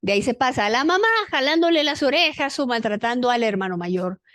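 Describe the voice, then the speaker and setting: A woman lectures at a conference with a high, animated voice. She keeps asking her listeners questions, and the sound is dry and close. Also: a little fast, no echo. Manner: lively, asks the audience rhetorical questions. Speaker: conference speaker. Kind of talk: lecture at a congress.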